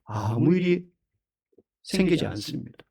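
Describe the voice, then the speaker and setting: Brief: male pastor, higher-pitched voice, animated emphatic sermon delivery. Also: measured pace, creaky, slightly rough. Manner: animated, emphatic preaching with rhetorical questions.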